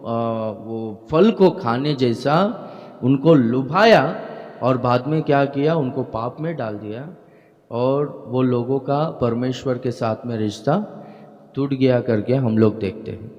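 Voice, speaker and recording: Slow-preaching pastor in an echoing hall. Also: male voice, medium pitch, darkish tone. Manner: preaching with frequent "praise the Lord" and rhetorical questions. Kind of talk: sermon. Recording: dull long-reverb hall sound.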